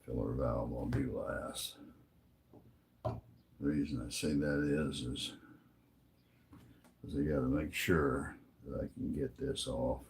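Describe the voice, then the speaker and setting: Very deep, slow-talking man. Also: steady tone, slight background noise. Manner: slow, plain-spoken, muttering to himself as he works. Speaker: live-stream host repairing lighters. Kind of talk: casual live-stream commentary while working.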